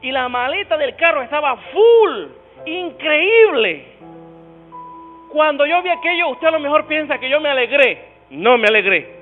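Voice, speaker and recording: Pastor, very high bright voice, storytelling sermon that swells into shouting, music behind. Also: male voice, big pitch swings, normal speed, phone-quality sound. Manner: storytelling, building to shouted exhortation.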